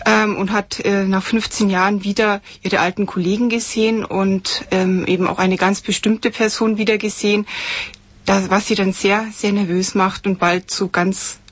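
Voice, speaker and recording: A woman's voice: mid-range voice, level tone, moderate pace, husky. A woman author in a studio, talking about her book with many fillers and then reading from it. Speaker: author and literary circle founder.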